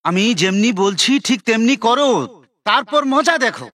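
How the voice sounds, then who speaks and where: Sly scheming jackal for a kids' cartoon, coaxing; high and very lively. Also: male voice, moderate pace, heavily acted. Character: clever scheming male jackal, friendly adviser.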